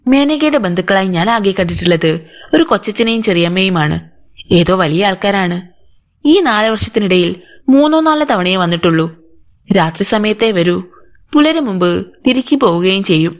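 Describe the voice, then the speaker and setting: A woman's voice: mid-range voice, lively intonation, moderate pace, long pauses, close to an everyday voice. A woman voicing an older housemaid who gives anxious, defensive answers to police. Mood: confiding. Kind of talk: audiobook character voice.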